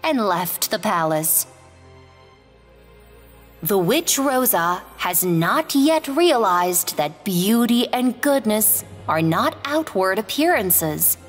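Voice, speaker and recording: A female storyteller reads a children's fairy tale aloud from a script, gentle and expressive, speaking slowly with a very lively pitch. Long reverb trails her words, and faint music plays underneath.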